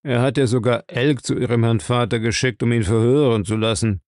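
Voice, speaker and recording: Guy doing a hulking scornful man, slow dismissive drawl, dry close sound. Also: mid-range voice, fairly even intonation, darkish tone, no echo, natural voice. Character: big older man Brady, scornful and slow.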